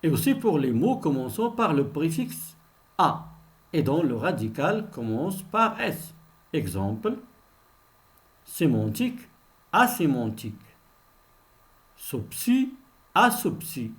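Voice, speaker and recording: A man leads a slow pronunciation drill for learners, spelling out each example word and repeating it. His voice sits a little high for a man and swings widely in pitch. He takes his time, so every word stands apart. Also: sing-song. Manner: repeats each word twice, explains meanings simply. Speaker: teacher.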